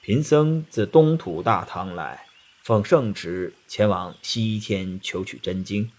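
A man voicing a gentle, preachy male monk in a children's story, speaking slowly and solemnly. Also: lowish voice, voice pushed down. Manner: slow, solemn, reproachful.

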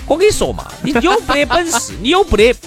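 A man's voice: very high voice, very animated, fast, gravelly, fairly bright tone, faint music behind. A man with a Sichuanese accent co-hosting a talk show with teasing, casual comic banter.

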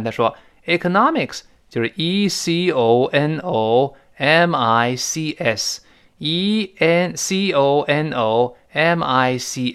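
A man's voice: mid-range voice, fairly bright tone. A man teaching a spoken English lesson, explaining in Chinese, reading English example sentences and spelling words out letter by letter.

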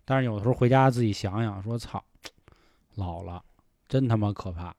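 A man's voice: lowish voice, a little fast, a little mellow, no room sound, studio quality. A man hosting a casual podcast chat, frank and reflective, often swearing. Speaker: podcast host.

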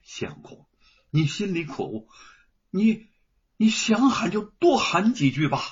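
A devoted young wife speaks in a hushed, soothing voice, as a male storyteller puts her on. The voice is breathy and husky, with lifted pitch. It comes through a dull, lo-fi recording. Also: big pitch swings, takes it slowly, exaggerated voice. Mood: tender.

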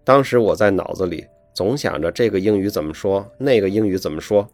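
Over soft piano music, a low-voiced man speaks briskly, offering friendly, folksy advice to young learners. The talk is scripted yet chatty, and he adds friendly tag questions.

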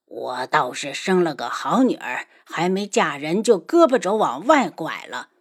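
A woman's voice: sits low, big pitch swings, measured pace, slightly rough, heavily acted. A woman voicing a ruthless, scheming old nobleman who mocks and menaces in an audiobook. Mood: menacing. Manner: sneering, menacing. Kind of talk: audiobook character voice.

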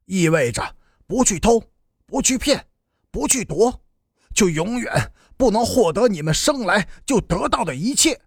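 A man's voice: sits high, sing-song, unhurried, slightly rough, no echo, clean studio sound, voice pushed up, heavily acted. A man voicing a bitter, cynical young brawler who sneers defiantly. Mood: sneering.

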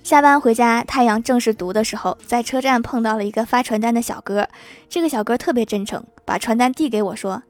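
A woman hosting a comedy podcast, reading out funny anecdotes in a lively, playful way and laughing at her own punchlines. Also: a little high, fairly quick, faint music behind. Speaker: podcast host.

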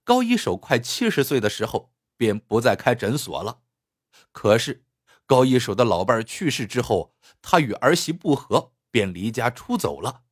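A man narrating a story in an animated way, with a husky voice. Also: normal speed. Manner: animated narration with lively pitch.

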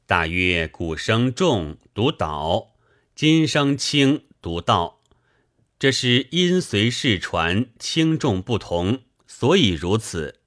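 Guy doing a low old seaman voice, slow, teasing, kinda know-it-all. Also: big pitch swings, fairly bright tone, heavily acted. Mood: wry. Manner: measured, lecturing old man. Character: elderly seasoned sailor, learned and teasing.

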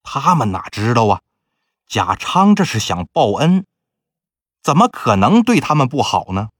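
A man telling a folk ghost tale in a lively, conversational, dramatic way. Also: medium pitch, a little slow, dry recording, clean studio sound. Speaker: storyteller host.

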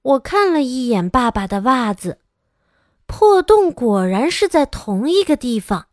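A woman telling a children's storybook aloud, with a lively, animated, childlike narration. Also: high-pitched, a little slow, no echo, studio quality. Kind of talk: expressive storybook reading for children.

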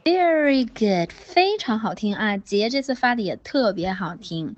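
A woman teaching pronunciation in an online class, stretching vowels slowly and repeating words, with encouraging praise. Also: medium pitch, expressive, dry recording, muffled recording.

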